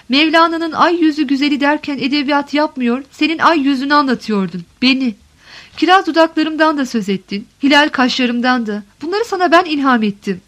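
Reading from a literary novel for an audiobook, a woman gives voice to a desperate middle-aged wife, high and tender, who pleads and insists with deep emotion as she expresses her longing. The tone is a bit bright and the mood insistent.

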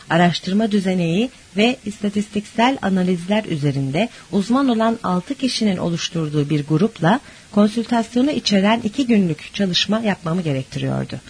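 A narrator reading a first-person memoir aloud in a measured, reflective way. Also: medium pitch, a little mellow, slightly rough. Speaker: audiobook narrator.

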